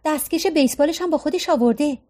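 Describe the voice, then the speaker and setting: A woman's voice: high-pitched, mellow, pitched above the performer's own voice, natural voice. A woman voicing an anxious mother who coaxes and hurries to keep the peace. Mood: coaxing. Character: anxious mother, eager to smooth things over.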